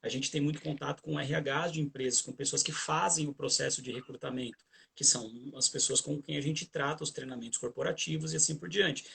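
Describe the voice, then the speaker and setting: A man's voice: a little high, fairly even intonation, brisk, creaky, bright, forceful tone, breathy edge. A Brazilian man, a guest trainer on a livestream video call, giving conversational advice with hesitant restarts and repeated fillers.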